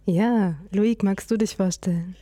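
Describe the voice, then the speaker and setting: A woman hosting and moderating a conversation, speaking in a measured way with frequent pauses and fillers. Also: medium pitch, dark tone, no echo. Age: adult, mother. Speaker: host and interviewer.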